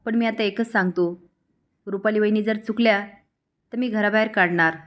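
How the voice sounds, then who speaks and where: A woman's voice: medium pitch, fairly even intonation, normal speed, lightly acted. A woman voicing a hot-tempered young man in a plain reading voice. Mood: angry.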